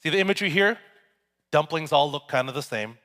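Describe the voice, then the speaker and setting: Male pastor, relaxed joking sermon, animated pitch, hall reverb. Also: a little fast. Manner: casual, joking, conversational preaching. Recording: echoey hall.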